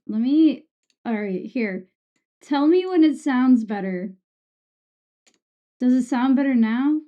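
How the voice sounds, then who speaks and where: A woman streamer with a high-sitting, animated voice that is slow and dark in tone chats casually with viewers on a livestream. She's sweary and self-deprecating, and her S sounds are harsh and sibilant. Her streaming microphone runs through an EQ and compressor, yet the recording sounds muffled and dull.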